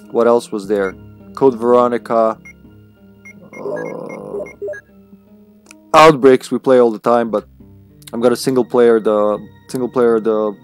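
Streaming a game live, a man from Serbia jokes around with his chat and swears in a casual, playful way. His first language is Serbian, and his voice is medium-pitched and a little mellow.

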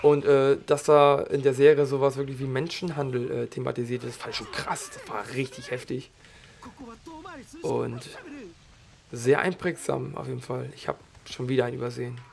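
A slightly hoarse man giving casual, slangy let's play commentary while he plays, chatting loosely between moves. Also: medium pitch, fairly even intonation, moderate pace, a little mellow. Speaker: gaming channel host.

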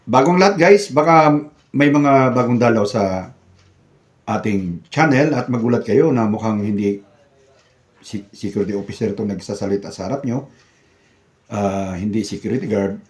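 A man's voice: fairly low pitch, moderate pace, long pauses. Echoey older man, missing front teeth. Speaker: vlogger, retired security guard. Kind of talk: casual vlog chat. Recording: echoey room sound.

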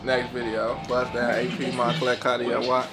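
A man's voice: medium pitch, monotone, normal speed, music in the background. A young man with a Southern accent, vlogging casually at his grandmother's house with teasing slang. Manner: laid-back slangy, teasing. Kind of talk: casual vlog chat. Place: grandmother's home.

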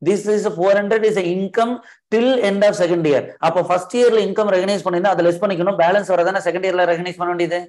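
A South Indian man teaches a class at a very rapid pace in a fairly high voice. His Tamil accent is clear as he switches between two languages, repeats key phrases and keeps asking questions to check understanding. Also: fairly even intonation, darkish tone. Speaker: accounting teacher.

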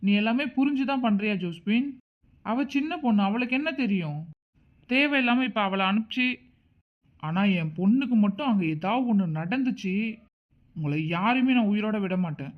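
A woman's voice: fairly high pitch, lively intonation, normal speed, lightly acted. A woman voicing an angry, protective middle-aged father in a homemade cartoon, speaking harshly and with threats. The recording is dull and lo-fi.

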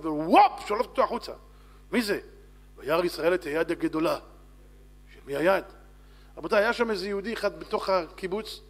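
A man, a rabbi, telling a story in a sermon and acting out shouts and dialogue. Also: high-pitched. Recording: long hall reverb.

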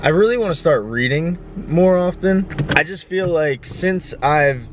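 A man's voice: on the high side, expressive, a little slow. Chatty young man vlogging, noisy audio. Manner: chatty, upbeat, rambling. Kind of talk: casual vlog chat.

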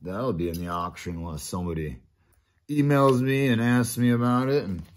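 A man's voice: mid-range voice, animated, normal speed. A man hosting a casual unboxing chat, talking to viewers like friends in a laid-back, slangy way at his desk. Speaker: channel host opening mail. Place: indoors at a desk with a coin display.

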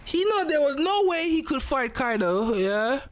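A man's voice: very high voice, big pitch swings, unhurried. A young man, giving casual anime reaction commentary full of slang and swearing, often repeating himself.

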